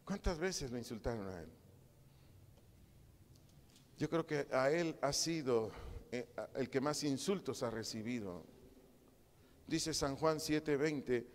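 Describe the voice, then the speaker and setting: Un pastor con acento mexicano que predica un estudio bíblico en tono conversacional y hace preguntas a la congregación. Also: male voice, mid-range voice. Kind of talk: sermon Bible study. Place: church hall. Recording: reverberant church hall.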